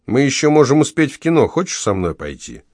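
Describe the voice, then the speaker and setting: A man's voice: medium pitch, big pitch swings, brisk, a little mellow, dry recording, studio quality, voice pushed up, natural voice. A man voicing a sheepish middle-aged husband who mumbles his apologies.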